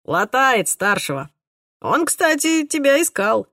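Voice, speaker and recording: A woman's voice: high voice, sing-song, slow pace, a bit bright, dry recording, studio quality, voice pushed up, exaggerated voice. A woman voicing a cheerful, teasing young man with a slightly childlike voice in an audiobook. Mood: wry. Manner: light, joking, a little youthful.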